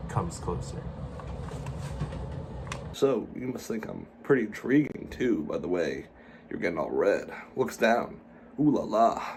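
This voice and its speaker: Guy doing a low sultry flirty voice, reads his own stage directions, ac hum in the room. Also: lively intonation, unhurried, long pauses. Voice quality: low, breathy sultry put-on voice. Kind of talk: mock-seductive task video narration.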